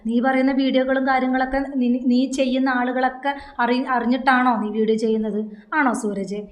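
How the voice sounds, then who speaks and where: A woman's voice: high-pitched, flat delivery, a little fast. A woman vlogger giving a direct-to-camera rebuttal into a phone, scolding a rival and firing off rhetorical questions. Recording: echoey room.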